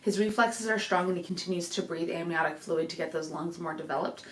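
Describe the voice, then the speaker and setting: Speaking briskly in a lowish voice, a young woman gives a casual, meandering pregnancy vlog update from home. She's a little winded and fills her speech with fillers; the desk mic captures a roomy sound with slight background noise.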